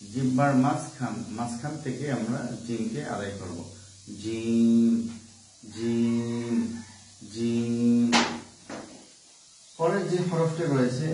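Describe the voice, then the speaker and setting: A man teaching pronunciation step by step, repeating each sound slowly several times. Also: medium pitch, a little mellow, slight background noise. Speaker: Quran reading teacher. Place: home room. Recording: echoey room, distant from the mic.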